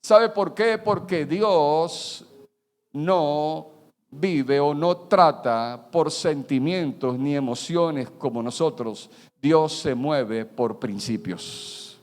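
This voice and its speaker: A man preaching a sermon as pastor, animated, acting out quoted voices and swinging between loud and soft. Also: fairly high pitch, very slow, in a large hall. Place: church.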